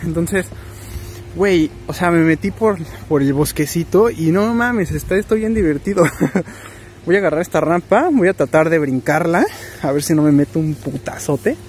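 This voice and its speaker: With slight background noise behind him, a young Mexican vlogger speaks at a normal speed in a somewhat mellow, slightly high voice. His Mexican Spanish accent colors his rambling, slangy advice, peppered with "güey."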